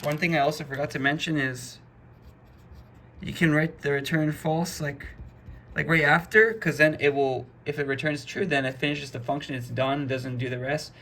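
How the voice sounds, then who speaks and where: Gravelly, bright-voiced man teaching code. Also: fairly even intonation, normal speed. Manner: chatty, talks through code step by step with fillers like "boom". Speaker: programming instructor. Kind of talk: casual screen-recorded coding lesson.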